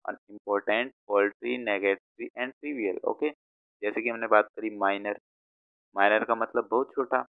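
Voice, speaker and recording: A man's voice: mid-range voice, no echo, phone-quality sound. A man with an Indian accent teaching vocabulary, explaining word meanings patiently, mixing Hindi and English and often checking that the listener follows. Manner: patient, repeats words, frequent check-ins.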